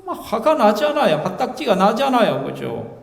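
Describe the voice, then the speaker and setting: Emphatic Busan-accented pastor preaching. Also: male voice, high-pitched, big pitch swings, normal speed, vocal fry. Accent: Gyeongsang Korean (Busan). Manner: emphatic, keeps asking the congregation "right?". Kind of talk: sermon. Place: church sanctuary. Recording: echoey church hall reverb.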